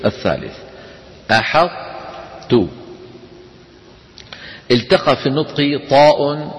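A man teaching a class. He explains step by step, poses questions and answers them himself. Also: medium pitch. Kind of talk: classroom lesson. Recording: long hall reverb.

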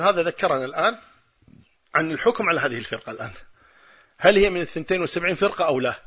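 A middle-aged man delivers a religious lecture and answers listeners' questions. His voice is high and a little husky, and he talks very fast. He argues emphatically, driving his points home through forceful repetition.

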